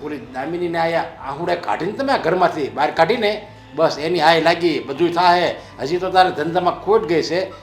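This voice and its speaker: A man's voice: on the high side, a little fast, echoey room, soft background music, natural voice. A man playing a stern, superstitious father-in-law. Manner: scolding, lecturing.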